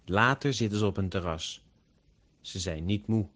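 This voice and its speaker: A man narrating a story slowly and carefully, as an audiobook for language learners. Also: lowish voice, fairly bright tone. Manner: slow, carefully pronounced.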